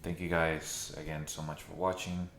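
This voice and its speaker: A man's voice: extremely low pitch, flat delivery, normal speed, a bit bright, a little hiss or hum. A man giving casual, sometimes dryly sarcastic commentary to his viewers, recorded with heavy echo in a nearly empty room. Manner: conversational, dryly sarcastic at times. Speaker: video essayist. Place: mostly empty room in a new home. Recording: echoey reverb from an empty room.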